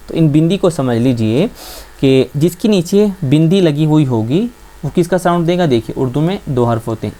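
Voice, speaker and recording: A man's voice: on the high side, dark tone. Man teaching letters with self-answered questions. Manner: quizzing questions he answers himself, repeating slowly. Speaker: Urdu teacher. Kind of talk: classroom-style script lesson.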